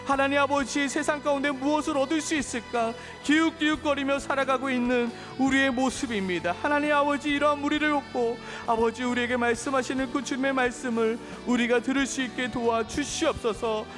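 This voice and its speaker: A man's voice: very high voice, steady tone, brisk, hardly any pauses, music in the background. A man, a pastor, leading a prayer meeting and praying fervently in long, repetitive petitions.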